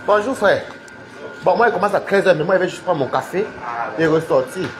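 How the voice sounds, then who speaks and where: A man's voice: sits high, fairly quick, a little hiss or hum. A man filming a casual vlog in an office building, delivering an indignant, repetitive warning to his online viewers. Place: office building, walking to get coffee.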